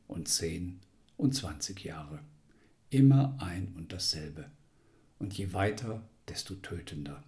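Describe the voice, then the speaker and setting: Brief: male narrator, lowish voice, intense dramatic reading with whispered passages. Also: creaky, warm tone.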